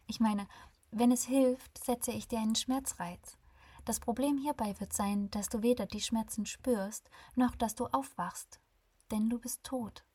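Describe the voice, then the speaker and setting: A woman voicing a calm female ferryman between life and death, warm and friendly with a sarcastic bite, in a breathy voice. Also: fairly high pitch, a little slow, no room sound, voice pushed up. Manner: warm, friendly, softly teasing.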